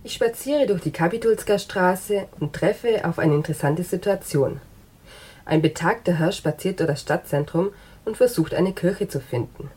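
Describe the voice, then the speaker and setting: A woman narrating an absurdist short story in an even, matter-of-fact reading. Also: lowish voice, moderate pace, slightly rough.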